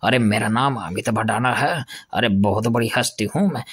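A man's voice: lowish voice, normal speed, a bit bright, husky. A man with a western Uttar Pradesh Hindi accent, doing boastful, teasing banter in a rustic comedy skit.

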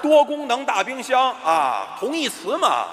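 A man's voice: very high-pitched, wildly swooping pitch, unhurried, a bit bright. A man performing stage crosstalk, lecturing his partner in a bossy mock-teacher way. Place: theater stage with a live audience. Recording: reverberant hall, faint noise.

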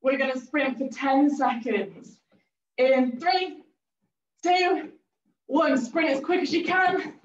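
A fitness instructor with a high-pitched voice leads cardio at a slow pace, pausing often, winded but upbeat as she cues moves and counts down. The sound is roomy, far from the mic and a bit dull.

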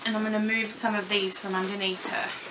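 A woman's voice: medium pitch, flat delivery, a little fast, noisy background. A woman chatting casually to her camera while packing a parcel at home, a little nervous and apologetic, with her camera mic set a fair way away from her. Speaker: doll vlogger.

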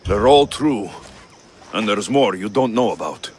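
Alexios, a cocky mercenary. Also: male voice, lowish voice, animated, measured pace, breathy edge. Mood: confident. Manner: cocky, dry, self-assured. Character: Alexios, confident male mercenary hero.

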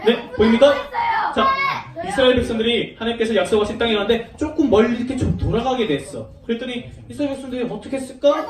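A woman giving a lively sermon to young children, asking them questions and acting out the story. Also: a little high, fast talker, music in the background. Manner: animated, questions children, acts out voices. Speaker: children's Sunday school preacher. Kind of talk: children's sermon with call and response. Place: large church hall. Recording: roomy echo, distant mic.

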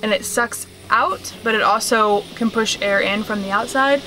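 A young woman in her twenties, a vlogger, gives a casual tour of her small converted van, filmed on a handheld wide-angle camera. Her voice sits on the high side and moves at a moderate pace, chatty and peppered with "like" and "um," with background noise audible.

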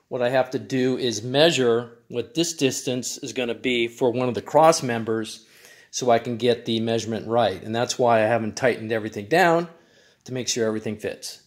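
A man's voice: mid-range voice, moderate pace. Guy explaining his diy project step by step, plain and methodical, workshop vibe. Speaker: DIY channel host. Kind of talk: step-by-step build tutorial.

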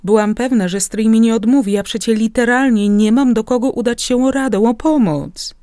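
An eager young wife, read by a woman who coaxes and pleads with her uncle for help. Her tone is soft and mellow, in a dry, close audiobook recording. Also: mid-range voice, unhurried, no room sound, pitched above the performer's own voice, lightly acted. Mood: pleading. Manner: pleading, coaxing. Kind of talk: audiobook character reading.

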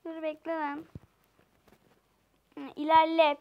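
Slow-talking high-voiced young woman gamer. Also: monotone, dull audio. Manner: playful, giggly, chatty with viewers. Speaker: gaming channel host. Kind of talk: casual gameplay commentary.

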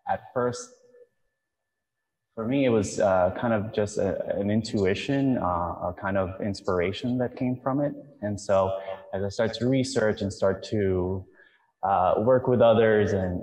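A young man from Miami with a deep voice talks through his ideas slowly, pausing often and restarting his thoughts. He is recorded outdoors in a courtyard, with a long reverb trailing his words. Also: a little mellow. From Miami, USA. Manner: thoughtful, halting, many fillers and restarts. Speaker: choreographer and dancer, guest. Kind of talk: artist talk.

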